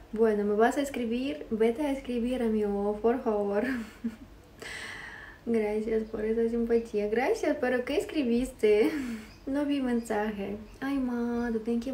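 A woman's voice: on the high side, warm tone, roomy sound, far from the mic, slight background noise. Giggly Ukrainian woman livestreaming. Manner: giggly, switches languages often, thanks viewers. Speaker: live-stream host. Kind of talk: casual livestream chat greeting viewers.

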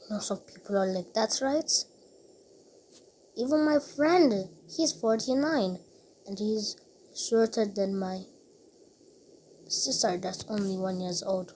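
A woman chatting casually over a game, rambling and repeating herself with halting restarts. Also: medium pitch, a little mellow, a little hiss or hum.

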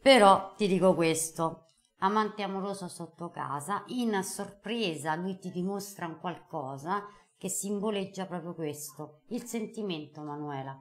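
A middle-aged woman, a tarot card reader, hosts a live call-in card reading from a TV studio, wearing a lapel mic. Her voice is fairly low and a little slow. She's emphatic and affectionate, using endearments with callers.

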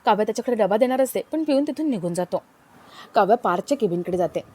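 A woman narrating a story in a plain, steady manner. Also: medium pitch, fast talker, slightly rough.

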